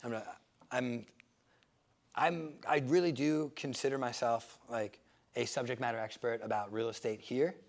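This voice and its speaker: A man's voice: medium pitch, fairly even intonation, normal speed. A man talking casually at a seminar as a real estate investor, conversational and rambling, full of fillers and restarts.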